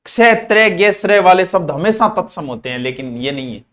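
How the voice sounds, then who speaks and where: Teaching grammar, this middle-aged man repeats every word again and again and throws in playful scolding asides to his students. His high voice is expressive and fairly bright, moving at normal speed.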